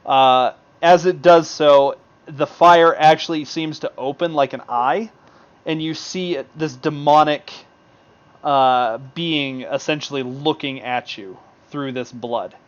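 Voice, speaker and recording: A man's voice: fairly high pitch, takes it slowly. A man narrating a tabletop game as game master, in a loose, improvised way with many fillers. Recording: dull lo-fi mic.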